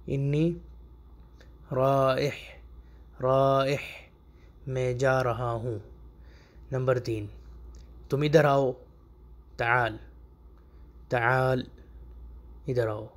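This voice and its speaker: A man of middle pitch gives a relaxed, chatty lesson. He says each short phrase slowly and goes over it again and again for the learner. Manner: repeats phrases slowly and drills pronunciation. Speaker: Arabic teacher. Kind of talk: casual spoken language lesson.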